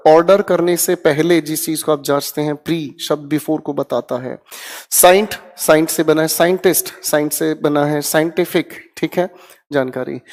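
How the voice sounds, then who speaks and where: An energetic male teacher drilling vocabulary, calling out words loudly and checking in often. His voice sits a bit high for a man. It rings with a long reverb, as in a hall. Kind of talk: online exam-prep vocabulary lesson.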